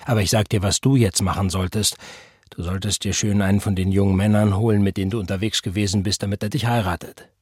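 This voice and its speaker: A man's voice: lowish voice, steady tone, fast, a little mellow, husky, no room sound, clean studio sound. A man reading the part of an angry, self-righteous preacher who speaks in an indignant, defensive and scornful way.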